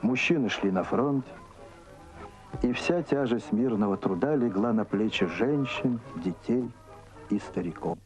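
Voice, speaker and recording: A man's voice: lowish voice, animated, low-quality recording. A man reading solemn, declamatory narration on an archival wartime newsreel soundtrack. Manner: solemn, declamatory, measured phrasing. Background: loud music score.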